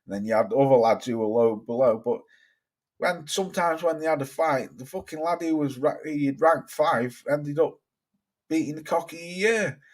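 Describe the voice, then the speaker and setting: A man's voice: a little high, moderate pace. Male streamer, casual boxing chat host, swears a lot, reads chat comments aloud.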